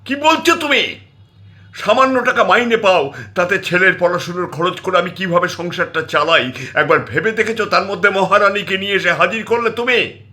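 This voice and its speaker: A man's voice: high voice, normal speed, sharp tone, voice pushed up. A man voicing a middle-aged wife who screeches and scolds her husband, nagging and indignant. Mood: shrill scolding.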